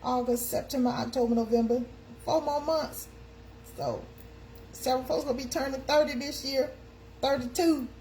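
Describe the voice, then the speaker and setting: Woman host, 50s, chatty, higher pitched, faint hiss behind her. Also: steady tone, moderate pace, dark tone. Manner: chatty, calls out to viewers. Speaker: live stream host. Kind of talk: casual live chat.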